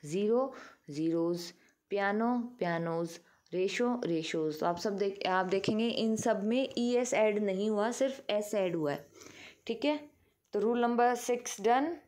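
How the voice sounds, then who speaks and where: A woman's voice: medium pitch, measured pace, darkish tone. A woman teaching a grammar lesson, patiently asking the class questions and answering them herself. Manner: addresses pupils affectionately as "beta".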